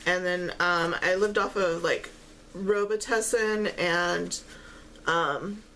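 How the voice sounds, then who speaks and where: A woman chatting casually while eating, chewing as she talks and pausing often between phrases. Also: fairly low pitch, bright, forceful tone, a little hiss or hum, rough recording. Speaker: vlogger eating on camera while talking. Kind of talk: casual mukbang-style chat.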